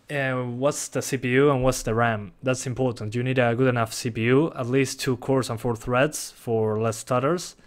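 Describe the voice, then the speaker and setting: A young Uruguayan man, a native Spanish speaker with a Rioplatense accent, casually reads chat questions aloud and answers them on a live stream. His mid-range voice stays relaxed, and he chuckles often.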